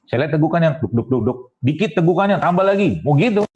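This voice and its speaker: A man's voice: fairly high pitch, expressive, fast, a little mellow. A man giving a casual, jokey health talk to an audience, with sound effects and quoted voices. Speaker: Islamic health speaker. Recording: dull lo-fi sound.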